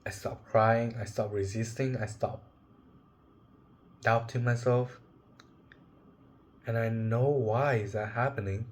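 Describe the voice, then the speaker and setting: Slow, halting young man sharing a story. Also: mid-range voice, steady tone. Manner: halting, searching for words, emotional. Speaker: vlogger. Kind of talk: personal reflective monologue.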